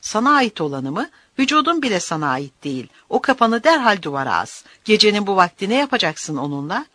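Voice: medium pitch, very animated, fairly quick, pushed and bright, no echo. A narrator doing a scornful old village elder. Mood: threatening. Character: older cruel male village elder.

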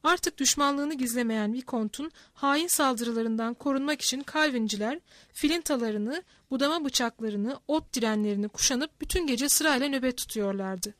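A woman reading a novel aloud as an audiobook narrator, in a steady, even way, recorded close and dry. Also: high-pitched, moderate pace, no room sound. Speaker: audiobook reader. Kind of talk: scripted narration.

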